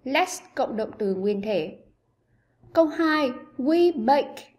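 A woman teacher giving an online English lesson to pupils, explaining grammar with clear, patient pacing. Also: sits high, lively intonation, slow, a little mellow.

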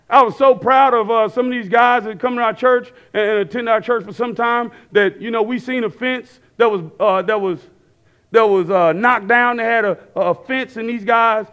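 A man in his thirties preaching a sermon on a church stage, talking casually with the crowd and rising now and then to shouts. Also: sits high, smooth. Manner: conversational preaching, rising to shouts, asks the crowd to fill in words. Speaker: pastor. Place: church stage with screens and worship band behind.

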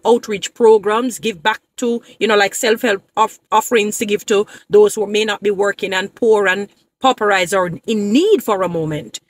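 A woman's voice: medium pitch, no room sound. Emphatic woman lecturing from her car. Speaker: social media creator. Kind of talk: direct-to-camera preaching commentary. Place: parked car. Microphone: phone camera at arm's length.

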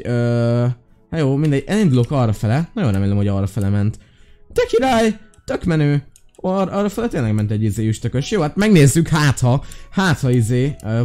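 A man hosting a gaming channel, giving excitable commentary, talking to his viewers and squealing with delight. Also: mid-range voice. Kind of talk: let's play commentary.

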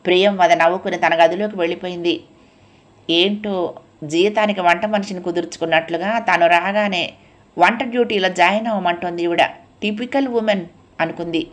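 A woman narrating a novel aloud as an audiobook, in a steady, even storytelling manner. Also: fairly low pitch, moderate pace.

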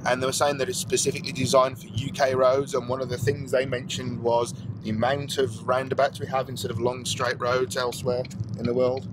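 A man talks to his camera from a car at night, chatty and jokey, rambling on with plenty of fillers. His pitch sits in an ordinary middle range. The hum of the car engine runs clearly underneath his voice. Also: flat delivery, a little fast, hardly any pauses. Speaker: vlogger. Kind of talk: casual vlog narration. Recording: car engine noise behind.

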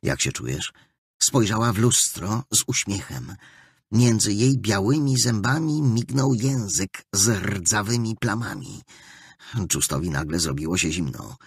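A male audiobook narrator reads the story at an unhurried pace, his melody rising and falling a lot. The voice is very deep with a gravelly, husky edge. The recording is close and dry. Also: no echo. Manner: expressive storytelling with a wide melody. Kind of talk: scripted narration.

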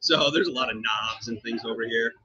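A man from the shop staff talking casually on a livestream, easygoing and matter-of-fact, his voice picked up by a phone microphone in a loud shop. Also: medium pitch, a little fast. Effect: tinny phone-mic sound. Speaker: shop staff presenting products. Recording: tinny lo-fi phone-mic audio.

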